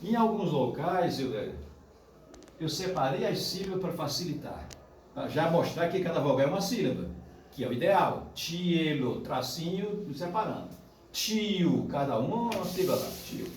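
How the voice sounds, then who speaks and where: Brazilian man, lively teacher drilling pronunciation; room echo, distant mic, faint hiss. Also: on the high side, moderate pace. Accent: Brazilian Portuguese. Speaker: Esperanto teacher. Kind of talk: classroom demonstration lesson. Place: club meeting room with audience. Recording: echoey room from far off.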